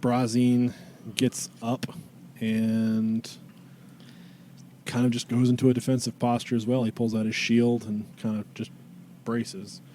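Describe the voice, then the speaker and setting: Brief: male game master, mellow dark tone, relaxed narration with rules checks, faint background hiss. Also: medium pitch, a little slow, long pauses. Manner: easygoing, checks rules aloud.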